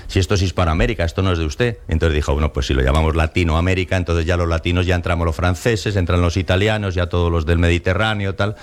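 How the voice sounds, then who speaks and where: Male author guest, very low voice, animated talker who mimics quoted people. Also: fast, hardly any pauses. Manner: frequent restarts and fillers. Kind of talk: conversational interview.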